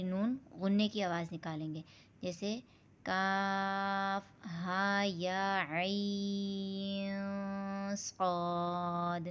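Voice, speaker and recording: A woman teaching a Quran recitation lesson. She explains each reading rule step by step, patiently and plainly. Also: medium pitch. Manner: patient, explains each rule, then reads the letters slowly and drawn out. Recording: dull lo-fi recording.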